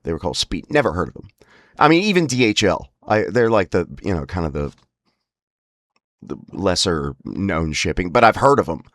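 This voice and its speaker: Low yet fairly bright, this man's voice is very animated at a moderate pace, with strained, spasmodic breaks caused by spasmodic dysphonia. Hosting his own lifestyle show about the disorder, he rambles emphatically through a wry, casual anecdote; the clean studio sound has no echo.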